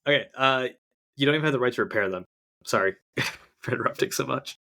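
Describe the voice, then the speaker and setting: A man's voice: medium pitch, fast talker, creaky, sharp tone. A young man co-hosting a casual podcast chat, rambling along with lots of "like" fillers. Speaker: podcast co-host.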